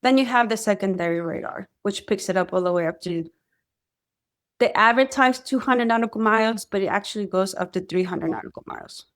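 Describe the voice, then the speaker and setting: This is a radar technician guest sharing her own story during a conversational interview. Originally from Mexico with Spanish as her first language, she talks a little quickly in a mid-range voice and brings the tale to life by acting out what others said.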